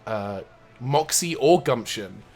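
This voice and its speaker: A man chats casually while playing a video game, his voice sitting at an ordinary middle pitch. He jokes around and laughs easily. Faint game music plays underneath. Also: lively intonation, slow, a little mellow. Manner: joking, playful, laughs often. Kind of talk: casual gameplay chat.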